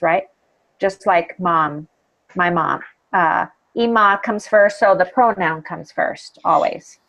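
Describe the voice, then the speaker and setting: A woman's voice: lowish voice, a bit bright, low-quality recording. A woman student in an online Hebrew class, hesitant, sounding out words and asking questions. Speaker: adult student. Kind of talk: language class practice.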